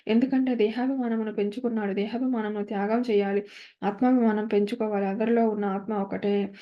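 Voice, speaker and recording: A woman's voice: medium pitch, fairly even intonation. Woman reading devotional teachings, muffled recording. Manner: slow measured English, chants verses. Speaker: reader of spiritual discourses.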